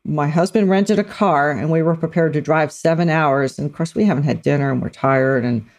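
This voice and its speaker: Animated woman telling a story. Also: low-pitched, fairly quick. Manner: animated storyteller, voices quoted people. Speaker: podcast co-host. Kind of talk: casual storytelling chat.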